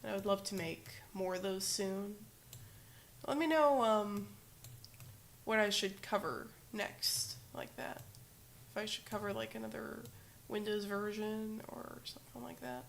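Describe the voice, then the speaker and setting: A woman of middle pitch talks loosely through a live stream, wandering from thought to thought and correcting herself as she goes. Her delivery is casual and hesitant, full of filler words. Faint room noise and mouse clicks sit quietly behind her. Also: measured pace, vocal fry. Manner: rambling, hesitant, heavy with "like" fillers and self-corrections. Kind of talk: casual livestream chat.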